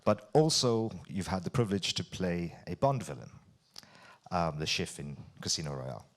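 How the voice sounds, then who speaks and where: A man with a fairly low voice hosts a conversation as interviewer. His intonation is very lively, and he phrases prepared questions deliberately and articulately. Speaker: interviewer hosting an on-stage conversation.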